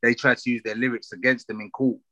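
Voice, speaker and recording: A man with a London accent giving opinions in a casual discussion, forceful and slangy, often checking that he is being followed. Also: medium pitch, flat delivery, quick pace.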